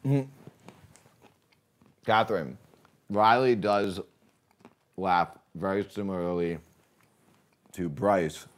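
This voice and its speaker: A man's voice: sits low, takes it slowly, long pauses. A man casually chatting with his viewers while playing a game on a livestream, rambling and laughing often. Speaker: streamer.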